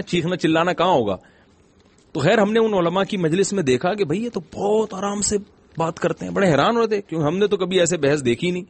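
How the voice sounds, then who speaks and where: Husky-voiced man giving a gentle religious talk. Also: mid-range voice. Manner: gentle, humorous storytelling with rhetorical questions. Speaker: Islamic scholar.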